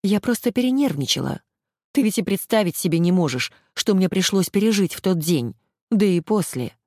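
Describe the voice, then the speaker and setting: A woman voicing an emotional, sharp-tongued young woman who speaks in an agitated, reproachful way. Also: mid-range voice, animated, normal speed, no room sound, clean studio sound, voice pushed up, natural voice.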